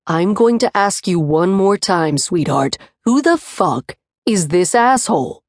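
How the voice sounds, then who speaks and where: A woman narrator voicing a gruff, possessive young man who growls his lines low and menacing, in an audiobook. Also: expressive, unhurried, a little mellow, no echo, clean studio sound.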